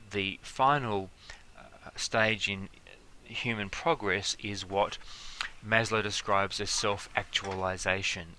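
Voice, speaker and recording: A man giving a relaxed, conversational lecture, filling pauses with fillers and stacking everyday examples. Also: on the low side, a little hiss or hum. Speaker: teacher. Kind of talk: explanatory lecture.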